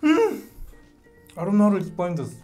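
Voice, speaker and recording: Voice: mid-range voice, huge pitch swings, drawn-out words, darkish tone, faint music behind. Young vlogger talking with mouth full. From Korea. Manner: gushing exclamations while tasting. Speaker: co-host. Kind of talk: casual snack tasting chat.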